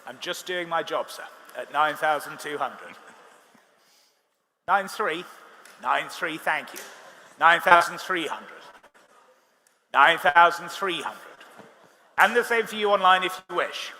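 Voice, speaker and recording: A British man working as an auctioneer, calling live bids quickly with wry, bantering asides to bidders. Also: on the high side, animated, pushed and bright. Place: large reverberant auction hall. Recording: reverberant hall, amplified, faint background noise.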